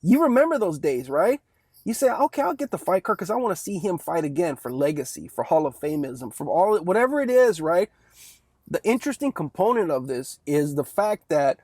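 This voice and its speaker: A man's voice: a little high, darkish tone, no room sound, clean studio sound. A young man talking through a casual one-take sports monologue, rambling and chatty and often tagging lines with "right?". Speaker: sports commentary vlogger.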